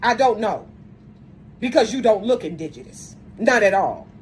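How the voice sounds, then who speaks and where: This woman, a video commentator, faces the camera in a confrontational, angry rant, blunt and prone to stumbling and restarting mid-sentence; she describes her voice as strong. She speaks at normal speed in an animated, medium-pitched, slightly mellow voice, with a little hiss or hum present.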